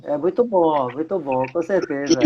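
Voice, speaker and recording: A man's voice: fairly high pitch, moderate pace, a crowd in the background. A Brazilian man joining a livestream as a guest, friendly, thanking his hosts over a video call. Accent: Brazilian Portuguese. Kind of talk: casual livestream chat. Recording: dull lo-fi call audio.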